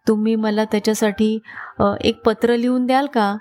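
A stubborn, pushy man pleading in a raised, strained voice, as a woman storyteller plays him. He keeps insisting, clearly exasperated. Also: on the high side, level tone, moderate pace, a little mellow, faint music behind, lightly acted.

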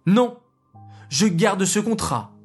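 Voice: mid-range voice, animated, takes it slowly, husky, soft background music, pitched above the performer's own voice. A storyteller voicing a poor, stubborn man who insists firmly on his price. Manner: stubborn, emphatic.

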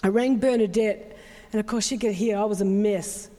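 A woman's voice: mid-range voice, fairly even intonation, moderate pace, warm tone. A middle-aged woman pastor, preaching an emotional, confessional sermon full of repeated phrases. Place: church sanctuary. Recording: long reverb of a large hall.

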